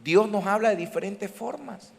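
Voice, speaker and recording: A man's voice: high voice, moderate pace, vocal fry, a little mellow. A man preaching a sermon as pastor, calling out emphatically to his congregation. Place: church hall. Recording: church hall reverb.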